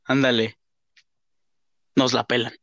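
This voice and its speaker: Male Mexican football podcaster, playful and profane, loose slangy banter, medium pitch, dry recording. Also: level tone, slow pace, a bit bright, no room sound, highs cut off. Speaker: podcast co-host.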